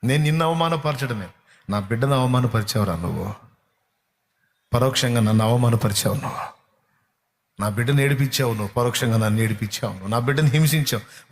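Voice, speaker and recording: Jesus as a tender divine father, a man playing him, pleading, repetitive reassurance, mid-pitched. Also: a little hiss or hum, lightly acted. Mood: reproachful.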